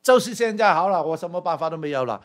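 A man's voice: fairly high pitch, lively intonation, quick pace, voice pushed up, close to an everyday voice. A grieving woman who pleads and reproaches in turn, as a male preacher puts her on. Her voice stays close to a plain man's own. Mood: pleading reproach.

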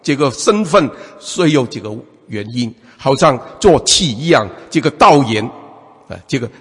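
Husky preacher man in an echoing hall. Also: mid-range voice, moderate pace. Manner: lively preaching, many repeated fillers and restarts. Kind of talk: sermon. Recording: long hall reverb.

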